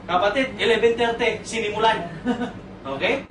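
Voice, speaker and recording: A man's voice: high-pitched, moderate pace. A man giving a comic motivational talk to an audience at a sales orientation, teasing them and asking questions. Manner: animated storyteller, teasing, asks the crowd questions; mixes in English phrases. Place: seminar room with audience. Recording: echoey room, far from mic, noisy.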